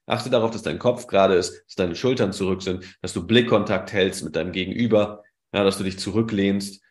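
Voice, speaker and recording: A man who works as a dating coach gives direct, emphatic advice in a podcast monologue and often adds a quick "ja". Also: on the low side. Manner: direct, emphatic, tags sentences with "ja". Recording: roomy echo.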